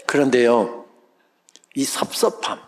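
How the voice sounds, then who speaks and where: Storytelling pastor in an echoing church. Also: male voice, medium pitch, fairly even intonation, slow, a little hiss or hum. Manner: storytelling with dramatic voiced quotes. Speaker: pastor and seminary president. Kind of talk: sermon. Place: large church sanctuary. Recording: long church reverb.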